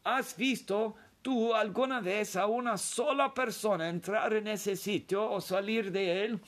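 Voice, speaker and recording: A man voicing an excited, secretive old grandfather telling a boy a hushed story. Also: high-pitched, a little slow, pitched above the performer's own voice. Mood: conspiratorial. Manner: hushed, conspiratorial, emphatic.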